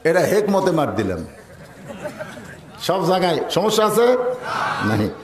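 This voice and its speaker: A man giving a humorous sermon at a religious gathering, chanting slogans loudly and acting out village characters. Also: high-pitched, big pitch swings, unhurried, roomy sound, over a noisy crowd, very noisy. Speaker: preacher.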